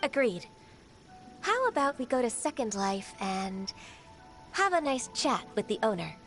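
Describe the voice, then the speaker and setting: A woman voicing a calm, earnest young woman in a video game, with a steady, reassuring delivery. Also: on the high side, measured pace, faint music behind, heavily acted.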